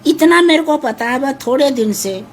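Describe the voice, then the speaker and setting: A woman's voice: high voice, animated, moderate pace, a little hiss or hum. An older woman with a naturally harsh-sounding voice, speaking anxiously about her missing son. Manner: anxious, pleading, repeats herself. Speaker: mother of a missing man. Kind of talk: emotional interview.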